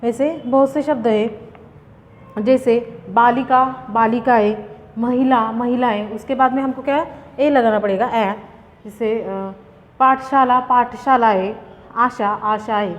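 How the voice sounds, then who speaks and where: High-voiced woman teaching grammar. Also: steady tone, slow pace. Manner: asks questions then answers them herself, many fillers. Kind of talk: grammar lesson explaining to students. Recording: dull lo-fi sound with long reverb.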